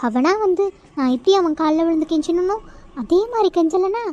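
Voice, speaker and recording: A woman's voice: extremely high pitch, normal speed, a little mellow, highs cut off. A woman voicing a devoted young college woman who talks earnestly and sulkily in an amateur audio drama. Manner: earnest, sulky, insistent.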